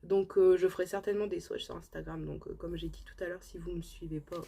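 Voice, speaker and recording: Chatty French woman with a mellow, husky voice. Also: lowish voice, fairly even intonation, fairly quick. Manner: chatty, filler-heavy, enthusiastic about products. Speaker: beauty vlogger. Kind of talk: casual haul chat to camera.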